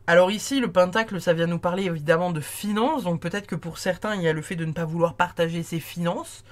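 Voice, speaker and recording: A woman giving a casual tarot reading, chatty and warm in tone, with many fillers and restarts. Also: fairly low pitch, fast. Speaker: tarot card reader.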